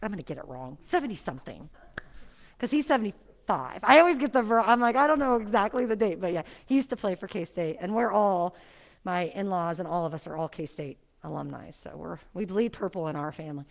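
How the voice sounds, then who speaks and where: In a seniors' center exercise room, a middle-aged fitness instructor chats before class, her face mask muffling a fairly low, gravelly voice. She talks briskly with lively intonation. Chatty and friendly, she laughs often.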